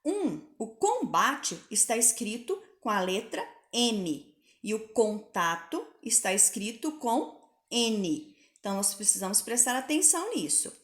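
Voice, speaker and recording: A woman teaching Portuguese spelling to pupils in a recorded lesson, patient and clear, sounding out each word slowly. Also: on the high side, very animated, fairly bright tone, reverberant.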